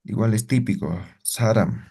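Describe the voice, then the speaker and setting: A man teaching a language class, explaining slowly and often asking his students questions with tag questions. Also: on the low side, mellow, breathy edge.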